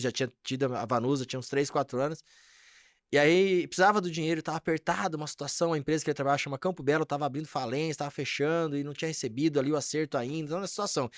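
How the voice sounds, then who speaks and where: Male podcast guest, rapid emotional storyteller, quick to voice the people in his story. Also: a little high, no echo, studio quality. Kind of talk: personal testimony storytelling.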